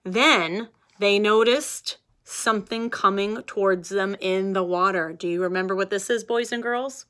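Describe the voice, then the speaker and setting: A woman teacher reads a picture book aloud to young children, expressive and addressing them directly. Her mid-range voice has a clean tone, and she speaks unhurriedly with few pauses.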